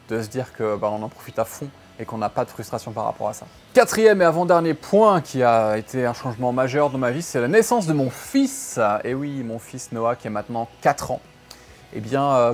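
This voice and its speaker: A man in his thirties from France, an entrepreneur talking straight to the viewer at home in a casual motivational monologue with frequent fillers. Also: medium pitch. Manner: direct, addresses viewer as "tu", many fillers. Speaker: entrepreneur sharing life lessons.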